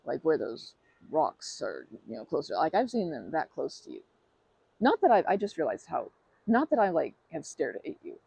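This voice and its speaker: A woman plays a friendly stranger in an ASMR roleplay, talking to the listener in a rambling, hesitant, chatty way, often restarting and correcting herself. She's earnest with light laughs, and her deep voice is creaky, dark and husky. The recording is rough, with no room sound.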